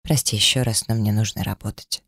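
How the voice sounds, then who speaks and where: Male reader as a withdrawn, weary man in an audiobook; heavy subdued lines, rough fry in the voice. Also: fairly low pitch, fairly even intonation, a little fast, fairly bright tone, no room sound, clean studio sound, exaggerated voice. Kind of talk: audiobook character reading.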